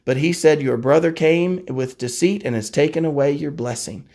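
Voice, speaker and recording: A man with a fairly high-pitched voice leads a relaxed Bible study as a pastor. He reads passages aloud, trips over a word now and then, and turns to his listeners with questions. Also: normal speed. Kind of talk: conversational Bible teaching.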